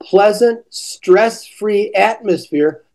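An older man with a high voice, a teaching coach, explains classroom ideas slowly during a relaxed podcast conversation.

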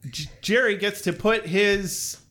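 High-pitched guy rambling through a cartoon episode recap, swears a lot and cracks jokes. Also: slow, pushed and bright. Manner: rambling, jokey, profane. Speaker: podcast co-host.

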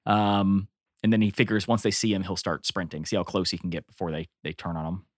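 A man's voice: low voice, brisk, no room sound, studio quality. A man chatting casually and joking as a player in a tabletop role-play game. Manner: chatty, jokey, animated. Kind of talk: casual gaming chat.

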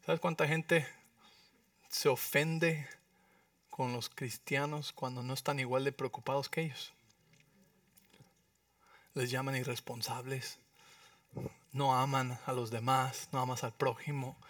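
A man preaching a sermon as pastor, lively, often asking the congregation questions. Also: medium pitch, slow, pauses often, dry recording. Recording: dry sound, mic at a distance.

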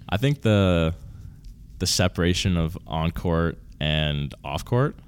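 A man in his early twenties, a university volleyball player, answering interview questions casually and haltingly, often restarting and trailing off. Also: sits low, lively intonation, clean tone. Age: 20s.

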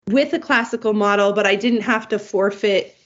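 A woman's voice: medium pitch, moderate pace. Chatty mother rambling on muffled audio. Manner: rambling, self-interrupting, laughs easily. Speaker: homeschooling mother, interview guest. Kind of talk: casual conversational interview.

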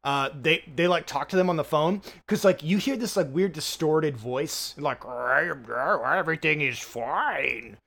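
Male podcast co-host, casual rambling film chat, slightly higher pitch, loose delivery. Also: moderate pace, few pauses. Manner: rambling, many fillers and restarts, swears casually.

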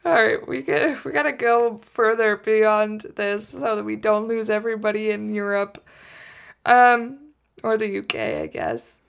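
A woman's voice: mid-range voice, lively intonation, takes it slowly, vocal fry, long pauses, clean tone. A woman co-hosting a casual true-crime podcast, rambling and joking and laughing often as she tells the case. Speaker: podcast co-host.

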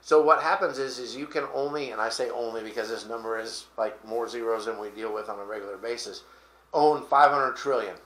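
A man with a bright, forward voice hosts a loose talk show and explains things in a rambling way, full of "um"s and restarts. The room around him is echoey. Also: medium pitch, fairly even intonation, a little fast. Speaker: podcast host. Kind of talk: casual crypto talk show chat.

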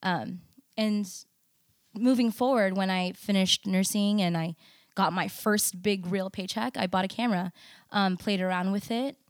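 A young adult woman, a podcast guest who works as a nurse and photographer, talking reflectively with many pauses and ums. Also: medium pitch, dry recording, clean studio sound. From United States. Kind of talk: casual interview conversation.

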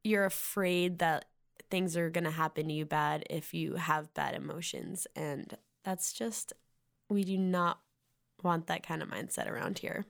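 A woman's voice: low-pitched, a little slow, creaky. A young woman in her twenties with a Valley Girl accent, hosting a casual solo podcast, rambling and filling her talk with "like". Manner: rambling, heavy use of "like" fillers. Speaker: podcast host.

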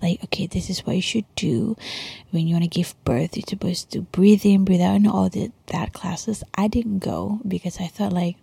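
A young Malaysian woman podcaster in a casual, hushed, whispered monologue, chatty and breathy, sprinkling in Malay slang. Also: medium pitch, steady tone, moderate pace, no echo. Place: quiet bedroom at home at night.

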